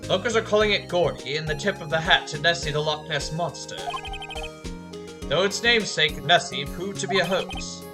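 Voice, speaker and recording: A woman voicing a news anchor with a brisk broadcast delivery. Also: low-pitched, natural voice. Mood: formal. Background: game music.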